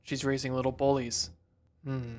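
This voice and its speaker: A man's voice: medium pitch, flat delivery, normal speed, darkish tone, slight background noise. A man hosting a reaction video, chatting casually, rambling, cutting himself off and cracking jokes. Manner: rambling, self-interrupting, jokey.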